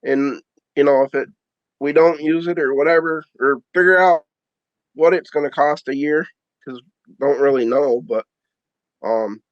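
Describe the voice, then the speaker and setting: Man, video call voice, lo-fi muffled sound, slow halting delivery, dry close audio. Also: fairly high pitch, no echo. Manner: halting, many ums and uhs. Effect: heard over a video call. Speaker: town highway worker reporting to the board. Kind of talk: informal meeting report.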